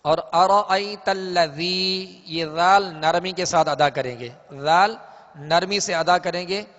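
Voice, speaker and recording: A man teaching Quran recitation rules, explaining slowly and then chanting the verses in long drawn-out melodies. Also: fairly high pitch, fairly bright tone. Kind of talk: tajweed lesson with chanted recitation. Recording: dull echoey hall recording.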